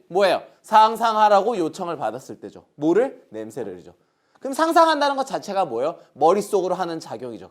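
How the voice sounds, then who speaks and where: A Korean man teaching an English grammar lesson online, asking questions and answering them himself while pointing things out on the board. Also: high-pitched. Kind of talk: online lecture.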